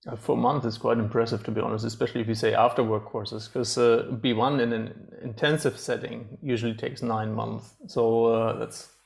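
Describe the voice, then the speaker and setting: Gravelly-voiced male interview host. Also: medium pitch, little pitch movement, normal speed, few pauses. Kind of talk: casual interview.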